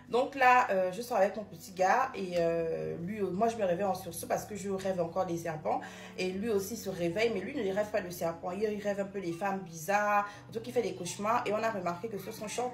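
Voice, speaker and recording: A young woman with a Cameroonian French accent, casually recounting her own experience, repeating words and restarting often. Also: mid-range voice. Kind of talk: casual personal testimony. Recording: roomy echoing room sound.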